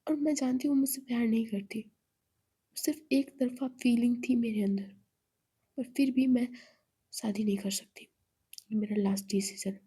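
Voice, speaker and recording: A woman's voice: a little high, steady tone, normal speed, long pauses, warm tone, husky. A woman reading as Ayesha, a heartbroken young woman. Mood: pained. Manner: urgent, pleading, half-whispered.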